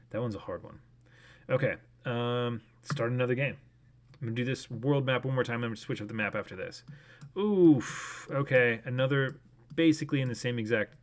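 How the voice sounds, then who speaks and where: A young man casually thinking aloud while streaming a guessing game, rambling with many fillers. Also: mid-range voice.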